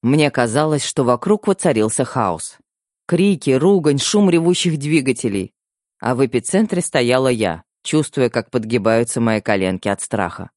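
A male narrator reads a novel aloud with lively, expressive intonation. The recording is close and dry, with no room sound. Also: mid-range voice, normal speed, dry recording. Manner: expressive storytelling. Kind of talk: audiobook narration.

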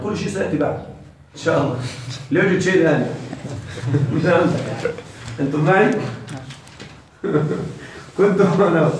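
Male grammar teacher, thirties, high voice, keeps quizzing the class, recorded from a distance in a very echoey room. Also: gravelly, slight background noise. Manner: quizzing students, repeating terms with rising questions.

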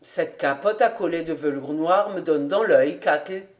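A woman voicing a bashful, mild-mannered bachelor in an audiobook reading, dropping her voice lower for him. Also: measured pace. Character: bashful middle-aged bachelor man.

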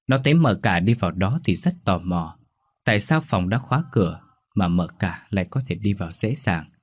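Male ghost-story narrator, low husky voice, measured reading. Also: lively intonation, no echo.

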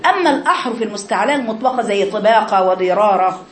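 A woman's voice: medium pitch, animated, fast talker, a crowd in the background. Egyptian lady teaching quran recitation, repeats syllables over and over, roomy echo, class noise behind. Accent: Egyptian Arabic. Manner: demonstrates sounds by repeating syllables, corrects students directly. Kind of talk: classroom lesson on tajweed. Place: classroom with female students.

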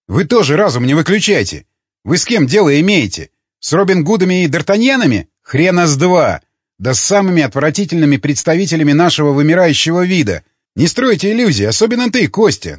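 A man reading an audiobook, voicing a cynical former jailer who argues in a mocking, quick way. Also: fairly high pitch, very animated, breathy edge, no echo, muffled recording.

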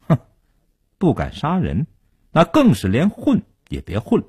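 A man playing a cold, menacing male gangster who collects debts, speaking low and quietly. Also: huge pitch swings, unhurried, breathy edge, exaggerated voice. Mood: scornful.

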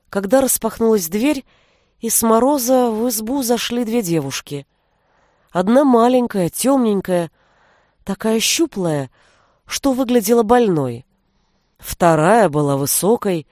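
A woman reading an audiobook aloud in an even, measured storytelling manner. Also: a little high, no room sound, studio quality. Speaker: narrator. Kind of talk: audiobook narration.

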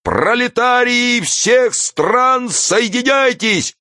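A man voicing a fervent male street orator whipping up a crowd, speaking slowly with Ukrainian words mixed in. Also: very high-pitched, expressive, pushed and bright, dry recording, clean studio sound, voice pushed up, heavily acted. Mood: rousing.

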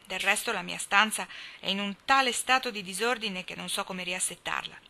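A woman reading aloud, voicing a rough-mannered teenage boy who is earnest and unsure of himself. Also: medium pitch, moderate pace, bright, forceful tone.

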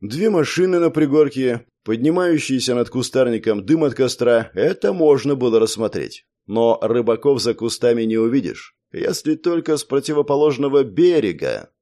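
A man narrating an audiobook in an even, measured storytelling style. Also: mid-range voice. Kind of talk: scripted narration.

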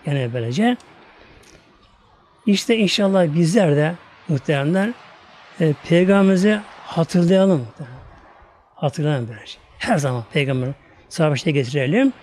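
A man's voice: a little high, expressive, normal speed, long pauses, a little mellow. A male preacher telling a religious story in a sermon, fervent and repetitive as he repeats his phrases.

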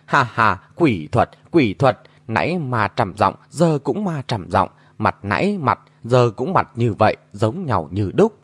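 A man's voice: mid-range voice, big pitch swings, measured pace, slightly rough, no room sound. A man voicing a boisterous male martial-arts fighter who jeers and laughs at strange sights. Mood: jeering amused. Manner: laughing, jeering.

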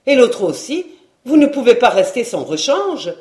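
A woman's voice: a little high, moderate pace, voice pushed up. A woman voicing a cheeky, bold young chambermaid who teases and bosses, with a roomy echo. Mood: bossy. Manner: lively, bossy, teasing.

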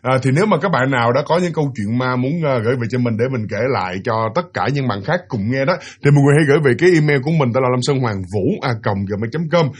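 Male ghost-story host, rapid chatty delivery, husky voice. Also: mid-range voice. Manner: chatty, fast, full of fillers and tags to listeners. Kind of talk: casual storytelling narration.

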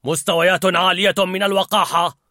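A man's voice: high-pitched, fairly even intonation, a little fast, bright, forceful tone, dry recording, studio quality, pitched above the performer's own voice. Man doing a soldierly, reporting Fear. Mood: alert. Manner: crisp military reporting. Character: soldierly male emotion reporting to a commander.

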